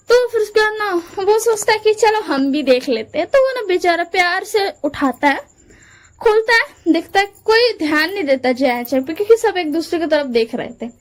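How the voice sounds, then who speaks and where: High-voiced woman retelling a story. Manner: chatty, animated, acts out lines. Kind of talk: casual retelling of a fan story.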